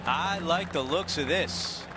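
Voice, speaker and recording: A man performing as a measured TV golf commentator in a video game, calling play by play. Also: fairly high pitch, background noise. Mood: measured, approving. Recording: music behind the voice.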